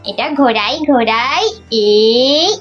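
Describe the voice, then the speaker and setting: A gleeful little girl sing-songs her words in a high voice, as a woman puts her on. She is competitive and cheerful, keen to ride better than her sister. Soft music sits under a slightly muffled recording. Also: takes it slowly.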